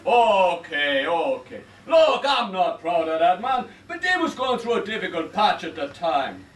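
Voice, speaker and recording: A man's voice: high-pitched, sing-song, a little slow. A man playing a shifty, muddled comic witch doctor, hammy and defensive, in an amateur stage pantomime. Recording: echoey stage, distant mic, noise.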